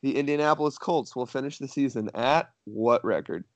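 A young man co-hosts a podcast in an easygoing way, asking questions and quipping. His voice is mid-pitched. The recording is dry and close. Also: a little fast, no room sound, highs cut off. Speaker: podcast co-host. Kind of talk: casual chat.

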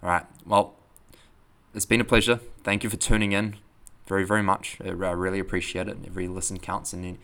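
Here a young New Zealand podcast host and coach closes out his show quickly, his low voice level in tone and a little bright. The talk is relaxed and loose, with many fillers and restarts.

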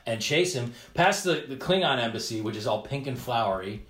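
A man's voice: mid-range voice, expressive, a little fast, fairly bright tone. A man hosting a casual comedic podcast, rambling and exasperated, with swearing and a cave-like reverb on his voice. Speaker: podcast host. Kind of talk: casual comedic chat, recapping an animated show.

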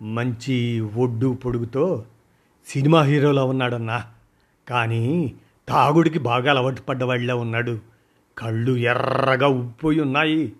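A man's voice: medium pitch, measured pace, long pauses. A man voicing a nervous young male underling who answers in a hesitant, placating way.

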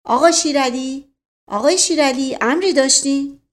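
A woman voicing a middle-aged father who calls out in a loud, raised voice. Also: sits high, pitched above the performer's own voice, lightly acted. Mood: calling.

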